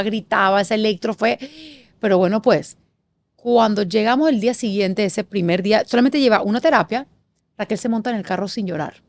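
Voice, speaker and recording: A middle-aged woman from Panama tells her story as an interview guest. She talks in an expressive, animated way, rattling off lists and quoting people as she goes. Her pitch sits in an ordinary middle range. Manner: expressive, animated, lists things in rapid series.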